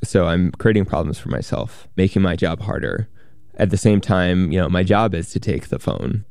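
Low, gravelly man telling his story. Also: normal speed, darkish tone, dry recording, studio quality. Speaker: journalist who worked as a prison guard. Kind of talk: first-person documentary storytelling.

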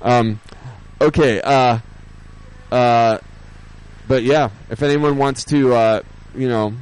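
A man hosting a radio show as DJ, chatting casually off the cuff in a halting, rambling way, thinking aloud. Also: mid-range voice, steady tone, darkish tone, clean tone, poor audio. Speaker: radio host and DJ.

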